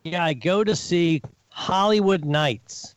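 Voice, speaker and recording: Podcast regular, a higher-voiced man, worked-up storyteller, dry close sound. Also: takes it slowly, smooth, dry recording, poor audio. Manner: animated, indignant storytelling with swearing. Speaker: regular guest of the show. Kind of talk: casual podcast chat.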